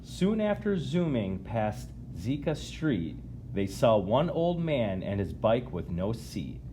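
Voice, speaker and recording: An animated man from Illinois in the United States, a chiropractor, reads a picture book aloud to children, speaking slowly at medium pitch and talking directly to the young listeners. The storybook reading includes casual asides, and there's noise in the background.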